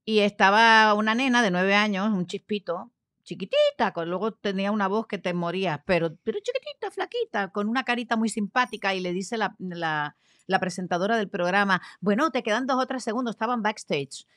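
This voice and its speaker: Host type, woman storyteller, animated and expressive, bit of a cough, dry close sound. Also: mid-range voice, a little fast, no echo. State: slight allergic cough. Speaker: podcast host. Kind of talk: conversational storytelling.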